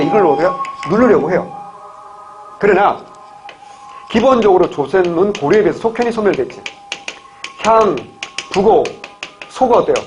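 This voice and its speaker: A man from the Gyeongsang region teaching an exam-prep history lecture, constantly asking questions and answering them himself. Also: high-pitched. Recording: dull lo-fi recording, faint hiss.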